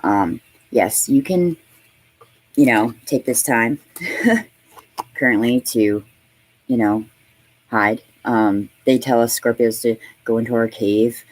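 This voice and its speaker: A woman's voice: very deep voice, slow, long pauses, a little mellow, rough recording. A woman in her thirties giving a casual tarot reading, chatty and profane, laughing often and talking with plenty of fillers. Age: 30s. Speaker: tarot reader.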